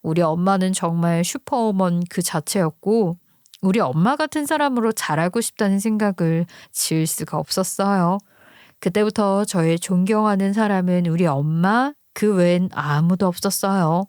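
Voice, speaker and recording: Woman reading out a story, steady and calm, no room echo at all. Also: mid-range voice, moderate pace, smooth, clean studio sound. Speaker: story narrator. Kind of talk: reading a listener's story as narration.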